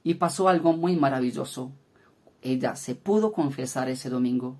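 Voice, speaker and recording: A man speaks earnestly, recounting a healing testimony in the manner of a prayer group leader. His voice sits at an ordinary middle pitch, and he pauses often on hesitant fillers as he builds the story. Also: darkish tone. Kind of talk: spoken testimony teaching.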